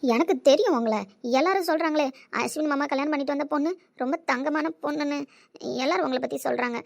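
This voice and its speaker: A woman's voice: high-pitched, quick pace, gravelly. A woman voicing a childlike, innocent, sweet-natured young woman who chatters eagerly.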